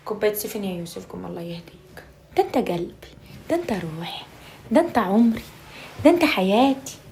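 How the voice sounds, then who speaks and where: A woman's voice: mid-range voice, lively intonation, fast talker, creaky, slight background noise. An Egyptian woman playing a mother in a comic family video. She coaxes and scolds her son, swears oaths and piles on endearments. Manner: pleading and scolding by turns, with swearing oaths and loud bursts of exasperation; affectionate endearments, often dropping to a hushed, half-whispered tone.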